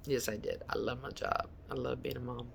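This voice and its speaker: A middle-aged mother who vlogs speaks candidly into her phone in the living room of her small house, confessional and emotional. She swings between animated venting and tearfulness. Her voice is extremely low, creaky, and a bit fast, with a little hiss or hum.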